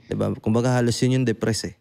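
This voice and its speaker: A young adult man hosting a casual podcast chat, animated and blunt, swearing freely and often asking "di ba?". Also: mid-range voice, fast talker, gravelly. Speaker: podcast host.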